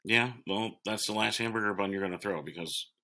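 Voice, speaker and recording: A man's voice: lowish voice, a little fast, pushed and bright. A man in his forties, a restaurant owner and chef, talking casually in an interview and rambling through restarts and fillers. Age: 40s.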